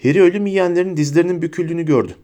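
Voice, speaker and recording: Mellow-voiced man narrating an audiobook. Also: racing. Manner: lively storytelling, pitches up for characters' shouts.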